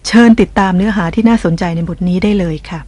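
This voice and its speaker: A woman's voice: medium pitch, fast talker, over loud music. Polite woman narrating a language lesson. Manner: gentle, polite explaining tone. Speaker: English teacher.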